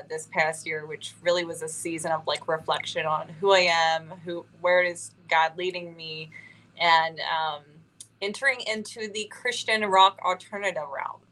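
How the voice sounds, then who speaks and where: A woman from Ohio talks about her music as a guest. Her voice sits slightly low, and her manner is earnest and soft-spoken, with pauses and fillers. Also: steady tone, poor audio. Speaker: guest singer-songwriter. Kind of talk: casual interview chat.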